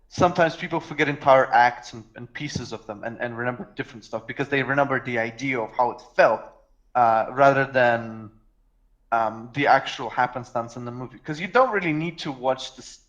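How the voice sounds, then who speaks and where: A man's voice: medium pitch, a little fast, a bit bright, highs cut off. A man from Russia in casual podcast chat, rambling and joking with swearing and frequent restarts. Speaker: podcast co-host.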